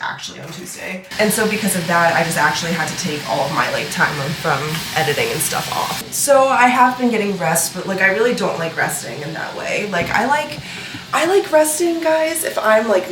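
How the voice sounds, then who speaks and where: A young lifestyle vlogger chats casually at home, her lowish, slightly bright voice congested as she recovers from a cold. She rambles and peppers her talk with "like," and the indoor recording has a roomy echo with clear background noise.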